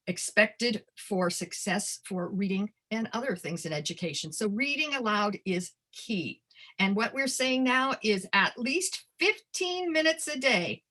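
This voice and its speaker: A woman in her sixties or older, an educator, presents a webinar to childcare providers, speaking directly to them and stressing key phrases. Her voice sits at medium pitch and sounds pushed and bright.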